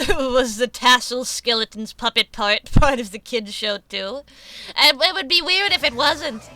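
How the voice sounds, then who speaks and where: A woman's voice: fairly high pitch, unhurried, sharp tone. A woman chatting casually on a live stream, rambling, swearing freely and laughing often, with a runny nose.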